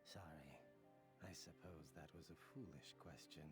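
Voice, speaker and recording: A man voicing a mysterious male war veteran in his fifties, with a solemn, ominous, villain-like delivery in a video game. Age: 50s. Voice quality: deep, slow and solemn. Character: mysterious 52-year-old male war veteran, grave and measured. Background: game music.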